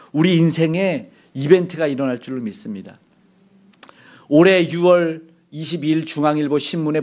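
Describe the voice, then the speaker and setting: A Korean man preaches a Sunday sermon in a high, lively voice that swings widely in pitch. He presses his listeners with rhetorical questions and builds his points through repetition, climbing toward near-shouts. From South Korea. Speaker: pastor. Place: church sanctuary.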